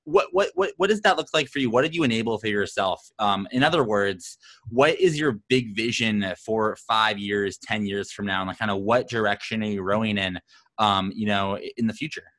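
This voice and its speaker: A man's voice: lowish voice, normal speed, fairly bright tone. A man hosting a startup podcast, asking rambling questions with many fillers. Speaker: podcast host. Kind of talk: podcast interview.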